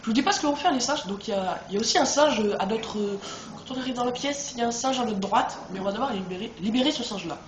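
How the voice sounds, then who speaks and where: A man chatting excitedly to viewers as he plays through a video game. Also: extremely high pitch, fast, few pauses, roomy sound, background noise. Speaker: let's play host. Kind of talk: gameplay commentary.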